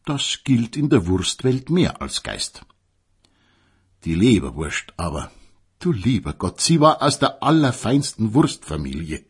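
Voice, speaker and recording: A man reads a comic tale, ironic and dramatic. His voice sits rather low and is raspy and husky, and it swings widely in pitch as he takes his time. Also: sing-song, unhurried. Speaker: storyteller. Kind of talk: humorous story reading.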